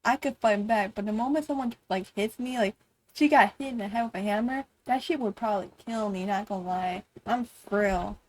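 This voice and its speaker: A woman's voice: mid-range voice, brisk, poor audio. A woman streamer reacting on a live stream, rambling with lots of "like" and "bro" and frequent swearing.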